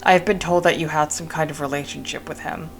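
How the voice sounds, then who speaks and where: A woman's voice: sits low, steady tone, quick pace, gravelly, soft background music. A woman reading aloud a small-town deputy's questions from a game, in a plain way. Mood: inquiring.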